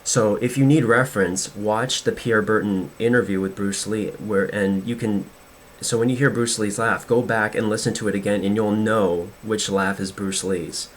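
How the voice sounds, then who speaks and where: A man's voice: fairly low pitch, fairly even intonation, moderate pace, slight background noise. A man hosting a podcast, talking in a casual, rambling way with many restarts and fillers. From United States. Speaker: podcast host.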